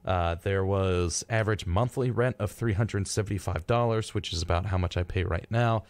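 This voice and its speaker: A young adult man hosts a radio show, chatting casually and reading out facts in an informal, wry manner. His voice is deep, he speaks at a normal speed, and the recording has no echo.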